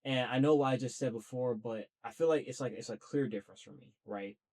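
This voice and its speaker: This young podcast host chats loosely and earnestly to camera about launching a podcast, going on at length in a talkative, self-motivating solo monologue. His mid-range, darkish voice moves fairly quickly.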